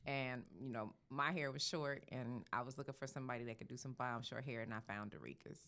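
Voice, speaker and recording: A woman's voice: a bass voice, brisk. A young woman from St. Louis, a makeup artist, chatting casually in an interview with lots of fillers and retold dialogue. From St. Louis, USA. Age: young adult. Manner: relaxed, chatty, many fillers and quoted dialogue.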